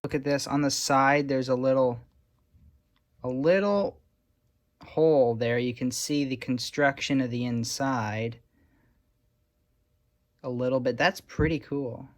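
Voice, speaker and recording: A man with a medium-pitched voice speaks unhurriedly, pausing often, as a hobbyist vlogger showing off old radio repairs. His show-and-tell commentary is casual, unscripted, dry and wry.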